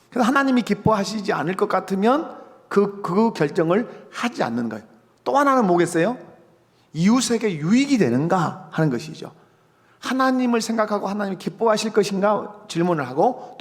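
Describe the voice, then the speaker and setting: Male pastor, Jeolla accent, midweek sermon; high, animated voice with long church reverb. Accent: Jeolla Korean. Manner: rhetorical questions, prompting the congregation to answer. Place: church sanctuary.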